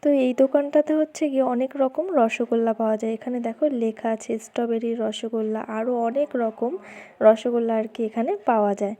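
Young woman vlogger, from West Bengal, India, slightly high and mellow voice, quick casual chatter. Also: fairly even intonation. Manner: chatty, repeats fillers while touring. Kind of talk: casual vlog narration. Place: outdoor food fair, evening.

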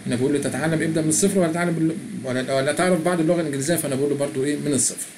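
A middle-aged presenter with an Egyptian Arabic accent races through a chatty screen-recorded tour of a language app, voicing its prompts as he goes. His voice is a little high and a little mellow, with fairly even intonation and slight background noise.

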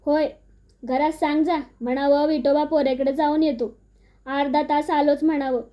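A woman voicing a gruff older male village landowner with a thick, booming tone. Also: steady tone, moderate pace, dark tone, lightly acted. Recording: dull lo-fi recording.

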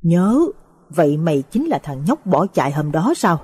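A woman's voice: low-pitched, sing-song, normal speed, darkish tone, husky, dry recording, full character voice. A woman voicing a grieving old village ritual master in an audio story, bitter and choked with sorrow. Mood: cold.

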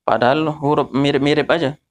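A man teaching correct pronunciation of Quran verses, slowly drawing out and repeating letter sounds as he demonstrates. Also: on the high side, fairly even intonation.

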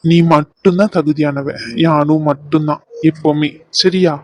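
A woman's voice: low voice, steady tone, a little slow, dry recording, highs cut off. A woman voicing a young man, an anxious but tender fiancé who soothes and teases his bride-to-be in a dubbed scene. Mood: tender, teasing. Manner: soothing, teasing, pleading. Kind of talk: fan dub of a serial scene.

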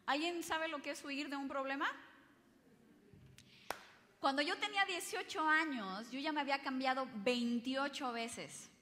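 Woman, conference speaker, bright tone, animated, audience questions, reverberant hall. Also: high voice, unhurried, pauses often, a little hiss or hum. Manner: animated, acts out quoted voices, asks audience questions. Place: large hall before an audience.

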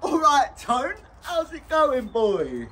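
A man's voice: very high-pitched, wildly swooping pitch, slow pace, sharp tone, slightly rough, heavily acted. A man putting on a cheery, teasing laddish bloke. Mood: chummy. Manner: chummy, teasing banter.

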